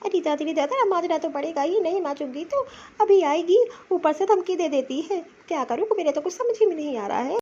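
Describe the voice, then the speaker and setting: A woman's voice: extremely high pitch, lively intonation, a little fast, few pauses, dark tone, slight background noise, voice pushed down. A woman voicing a weary, grumbling elderly mother-in-law in a cartoon who mutters complaints to herself. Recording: dull lo-fi sound.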